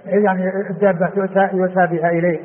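Male hadith teacher, high-pitched, quick, repeats himself, phone-like lo-fi sound. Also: flat delivery. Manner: explains slowly, repeats phrases, many fillers. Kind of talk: classical Arabic lesson commentary. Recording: tinny phone-like lo-fi recording with faint hiss.

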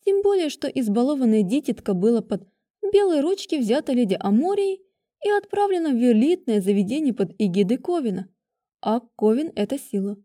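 A woman reading a first-person story aloud with lively, expressive delivery. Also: on the high side. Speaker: audiobook reader. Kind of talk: first-person audiobook narration.

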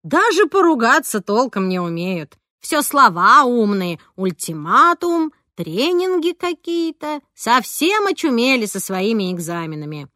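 A woman's voice: fairly high pitch, big pitch swings, measured pace, hardly any pauses, pushed and bright, dry recording, studio quality, heavily acted. A woman voicing a grumbling older cleaning woman who scolds the youngsters.

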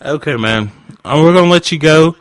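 A man talking through a voice changer that pitches his voice deeper, a brash and crude prank caller hosting a radio show. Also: animated, a little fast, dry recording. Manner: brash, crude, bro-talk, pushy. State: drunk. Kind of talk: prank phone call.

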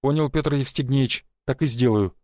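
A man voicing a grim, tight-lipped male secret police agent who reports in a flat, terse way in an audiobook. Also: mid-range voice, moderate pace, dry recording, clean studio sound, lightly acted. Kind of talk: audiobook character voice.

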